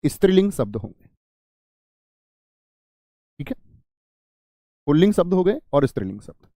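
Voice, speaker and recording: A man's voice: a little high, big pitch swings, moderate pace, warm tone, no echo, clean studio sound. A man teaching an exam-prep grammar lesson, who asks his students questions, answers them himself and repeats key phrases.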